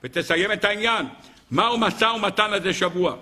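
A man giving an animated Torah lecture to an audience, acting out quoted dialogue and asking rhetorical questions. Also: high voice, a little hiss or hum.

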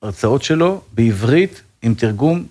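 A rabbi talking in an interview, earnest and fervent, with frequent religious phrases and restarts. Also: male voice, medium pitch, expressive, warm tone. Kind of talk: casual interview talk.

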